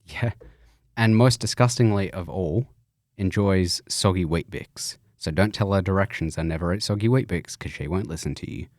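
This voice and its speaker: A man's voice: deep voice, normal speed, darkish tone, no room sound, clean studio sound. A man with an Australian accent hosting a podcast in a casual, jokey, informal chat style. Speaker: podcast host.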